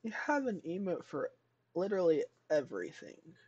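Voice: mid-range voice, very animated, moderate pace, a little mellow, breathy edge, lo-fi sound. A podcast co-host chatting casually and playfully, with joking asides, on an online voice call.

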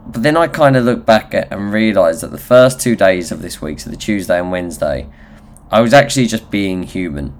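Low-pitched nasal Essex man. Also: lively intonation, brisk, a little hiss or hum. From Essex, England. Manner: candid, self-deprecating, sweary. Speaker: podcast host. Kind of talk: solo motivational podcast talk, informal.

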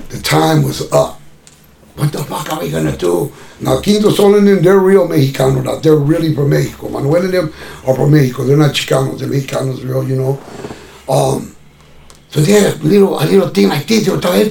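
A man tells a story in loose, profane chat and acts out the voices of the people in it. His voice sits fairly high and has a gravelly edge. He is picked up from a distance in an echoey room. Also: expressive, fairly quick, pauses often, dark tone, a little hiss or hum. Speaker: musician telling a story. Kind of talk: casual storytelling.

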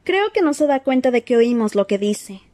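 A nervous, soft-hearted teenage girl, as a woman reader puts her on speaks in a raised, pleading voice. The storybook reading is dry and close-miked. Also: big pitch swings, normal speed, dry recording. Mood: anxious pleading. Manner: high, hesitant, pleading.

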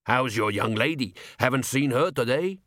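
A man's voice: medium pitch, expressive, normal speed, a bit bright, no echo, studio quality, close to an everyday voice. A man voicing an eager, obliging male dwarf waiter.

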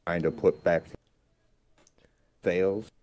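A very low, dark-toned man talks casually over a video call. His audio keeps dropping out on a bad connection, so his speech comes through in broken fragments. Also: steady tone, drawn-out words. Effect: breaking up over a bad call connection. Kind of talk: casual chat.

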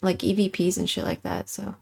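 Gravelly woman cohost just chatting, swears a bunch, loose and chatty. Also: lowish voice, very animated, fairly quick, darkish tone, slight background noise. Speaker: podcast co-host. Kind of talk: casual chat.

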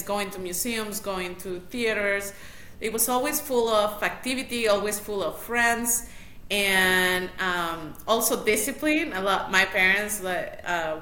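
A matchmaker from Mexico City, speaking with a Mexican Spanish accent, is a guest in a casual interview, laughing often and restarting her sentences. Her mid-range voice sounds pushed and bright. The room is echoey, with faint noise.

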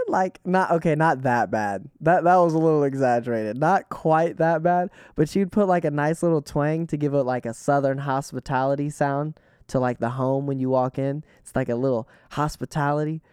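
A man's voice: mid-range voice, a little mellow, clear, resonant tone, no room sound, studio quality. A man hosting a podcast in a casual, rambling chat, laughing often and swearing freely. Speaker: podcast host.

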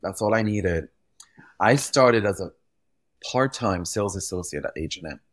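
This is a podcast interview with a conversational feel, featuring a deep-voiced man from Belgium who speaks French as his first language and is a guest expert in retail visuals. Animated, he repeats words while sorting out his thoughts, speaking at a normal speed on a dry recording.

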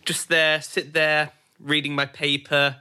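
A man's voice: on the high side, monotone, slow pace, pushed and bright, clean tone. A man describing his character as a player, in a playful way. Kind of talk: tabletop game narration.

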